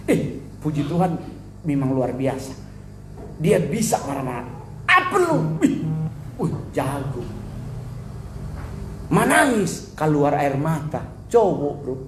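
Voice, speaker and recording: A man's voice: a little high, darkish tone, reverberant, a little hiss or hum. A man with a Manado accent giving a humorous sermon full of anecdotes, mimicking other people's voices as he tells stories. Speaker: preacher.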